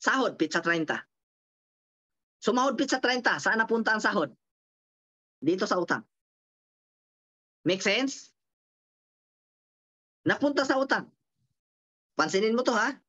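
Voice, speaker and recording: A woman giving a lively motivational seminar talk, repeating phrases and checking in with her listeners through quick rhetorical questions. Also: medium pitch, no room sound, highs cut off. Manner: repeats and counts out phrases for emphasis. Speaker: motivational speaker.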